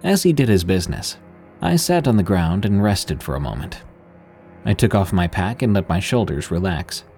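A man's voice: low voice, big pitch swings, moderate pace, a little mellow. A man hosting and narrating scripted scary stories in an ominous late-night radio manner, with music behind him. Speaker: host and narrator. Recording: music under the voice.

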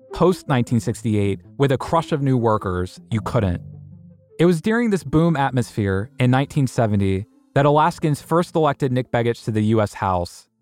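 A man narrating an investigative story in a measured, scripted way, posing rhetorical questions. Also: medium pitch, darkish tone. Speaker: podcast host and narrator.

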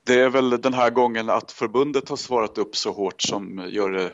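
A man on a podcast panel, talking halting with many fillers. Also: on the low side, steady tone, no echo. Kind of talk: casual podcast discussion. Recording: dry, dull lo-fi sound.

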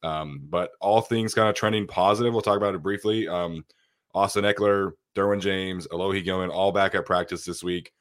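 A man's voice: deep voice, steady tone, fairly quick. A young man hosting a casual sports podcast, congested and nasal from a cold, rambling loosely with many restarts. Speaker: podcast host.

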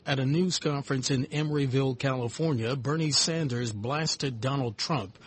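A man's voice: mid-range voice, moderate pace. A man reading scripted general news as a radio newsreader.

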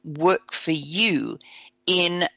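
A woman hosting an upbeat self-help show, enthusiastic and a little croaky today, often whooping and laughing. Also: low voice, animated, drawn-out words, pushed and bright, no echo. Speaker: host.

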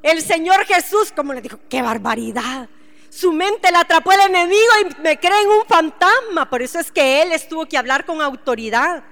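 A middle-aged woman, preaching a conversational sermon to a women's Bible study and acting out scenes with lively questions to the listeners. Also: very high voice, normal speed, hardly any pauses. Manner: animated, asks the listeners questions and acts out scenes.

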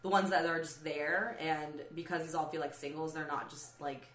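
A woman's voice: low-pitched, fairly even intonation, normal speed, a bit bright, slight background noise. A young woman co-hosting a casual music podcast, chatty with frequent ums and likes. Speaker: podcast co-host. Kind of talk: casual chat about music. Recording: echoey room.

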